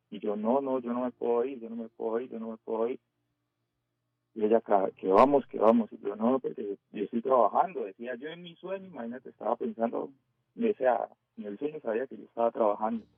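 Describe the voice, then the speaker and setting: Caller on a tinny phone line. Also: male voice, mid-range voice, gravelly, dry recording. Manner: hesitant, full of pauses and fillers. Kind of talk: telling a scary story on a call-in radio show.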